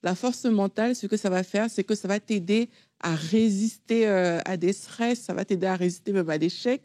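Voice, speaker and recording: Mellow-voiced woman explaining faith. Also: medium pitch, normal speed, no echo. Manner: calm, explanatory, with fillers. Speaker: co-host.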